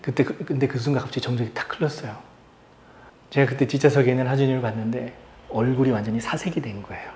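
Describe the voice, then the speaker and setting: A man's voice: mid-range voice, steady tone, quick pace, reverberant, a little hiss or hum. A man in his thirties, a pastor preaching a sermon and telling a personal story, his voice rising and dropping as he acts out what people said. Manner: storytelling, acts out quoted voices softly and loudly. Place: church sanctuary.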